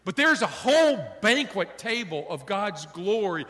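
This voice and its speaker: A middle-aged male pastor preaching a sermon, animated, acting out little dialogues for his congregation. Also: sits high, unhurried. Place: church sanctuary. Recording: long hall reverb.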